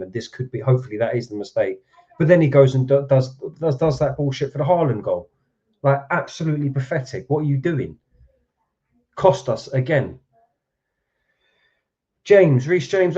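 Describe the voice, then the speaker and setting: Dark in tone and pitched mid-range, this football channel host fumes over the game from his home setup, cursing as he goes. His angry reaction comes through on a muffled, lo-fi recording.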